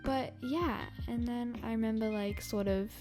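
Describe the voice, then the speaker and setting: A woman's voice: fairly high pitch, fairly even intonation, moderate pace, darkish tone, soft background music. A young woman from Australia hosting a podcast, chatting casually and rambling with many fillers and laughs. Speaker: podcast host. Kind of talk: casual chat.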